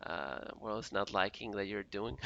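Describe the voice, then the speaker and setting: A man's voice: lowish voice, expressive, a little slow, vocal fry, pushed and bright, dull audio. A man from Mexico streaming a flight simulator, chatting casually and reading viewer messages aloud with frequent laughs. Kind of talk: casual live-stream commentary reading chat.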